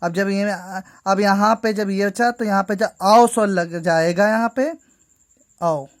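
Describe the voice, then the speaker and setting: A woman's voice: medium pitch, steady tone, a little slow. A woman teaching a grammar lesson to school students, patiently going through each step and repeating "ठीक है".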